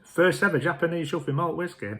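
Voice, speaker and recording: A man's voice: fairly high pitch, brisk, sharp tone. A man hosting a show in a boisterous, sweary, rambling comic rant to camera. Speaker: host.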